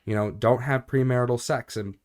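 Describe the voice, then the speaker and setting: A man's voice: medium pitch, fairly even intonation, fairly quick. A young man co-hosting a podcast, talking earnestly about faith in a casual, rambling way, with a recurring cough. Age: young adult. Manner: earnest, rambling, with many fillers. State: intermittent cough. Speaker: podcast co-host.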